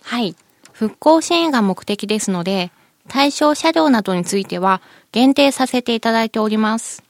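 A woman's voice: on the high side, animated, normal speed, dry recording, studio quality. A woman with a cute, anime-like voice giving polite, prepared explanations as a company spokesperson in an interview. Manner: cutesy anime-style "moe" voice, polite.

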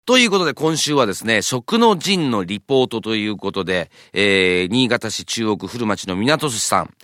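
A man's voice: on the low side, lively intonation, normal speed, fairly bright tone, no echo, clean studio sound. A man hosting a radio show in a casual, chatty and jokey presenting style. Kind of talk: casual radio presenting with food and local reports.

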